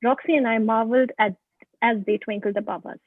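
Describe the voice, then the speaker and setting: A woman's voice: fairly high pitch, fairly even intonation, a little fast, no echo. A woman reading a horror story aloud for a book club, stumbling and restarting now and then. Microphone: video call. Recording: tinny phone-like call audio.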